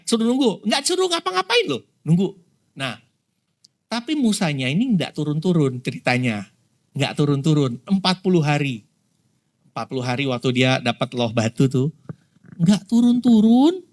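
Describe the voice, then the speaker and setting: A man, preaching as a pastor in a relaxed, conversational way and often asking his congregation questions. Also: sits high, normal speed. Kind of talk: sermon. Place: prayer room in a mall.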